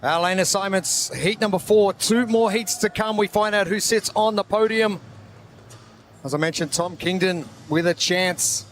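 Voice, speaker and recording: A man's voice: high-pitched, moderate pace, slight background noise. A man commentating live as lead host at a sports competition.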